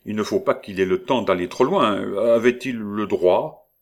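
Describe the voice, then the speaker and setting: A man's voice: lowish voice, close to an everyday voice. A man voicing a growling drunk brute. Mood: menacing. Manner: slow, grinding, growled delivery. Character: brooding drunk Breton man, rough and menacing.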